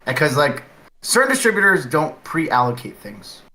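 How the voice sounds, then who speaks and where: A man's voice: a little high, big pitch swings, normal speed, sharp tone, low-quality recording. A man talking as a podcast guest in casual chat, rambling with lots of "like" and restarts. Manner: rambling, heavy use of "like" and restarts.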